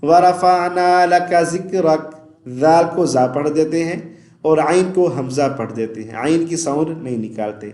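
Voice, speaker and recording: A man with a Pakistani Urdu accent and a high, light voice teaches Quran recitation, explaining pronunciation errors in plain speech. He then chants the verses slowly, stretching each sound. The room around him is echoey and roomy. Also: dark tone. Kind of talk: recitation lesson.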